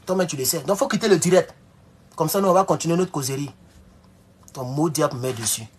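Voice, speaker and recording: A man's voice: on the high side, fairly quick, slightly rough. A man hosting a live stream, talking bluntly and scolding commenters, repeating himself often. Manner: blunt, scolding, repetitive with many "voilà". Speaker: YouTube live host. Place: home in Mexico.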